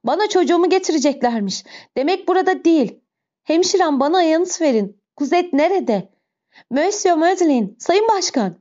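A woman's voice: extremely high pitch, animated, normal speed, mellow, lo-fi sound, voice pushed up. A woman voicing a desperate, sick young mother who pleads frantically for her child, in an audiobook reading. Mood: frantic. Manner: frantic, crying out.

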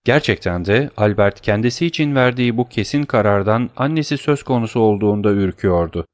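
A man narrating an audiobook in a measured, even storytelling voice. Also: fairly low pitch, dry recording. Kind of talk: scripted narration.

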